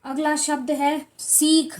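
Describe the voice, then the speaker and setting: A young adult woman teaching children, slowly spelling words out syllable by syllable in a patient tone. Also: sits high, flat delivery. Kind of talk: slow, patient lesson for children.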